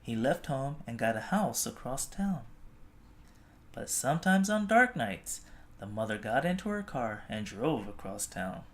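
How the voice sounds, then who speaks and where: This children's tale is read aloud expressively in a sing-song, medium-pitched voice, with gentle and drawn-out phrasing.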